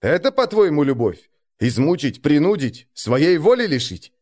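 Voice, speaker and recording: A man's voice: fairly high pitch, very animated, moderate pace, darkish tone, pitched above the performer's own voice. A man voicing a blunt, irritable wandering shaman who drawls and speaks sternly.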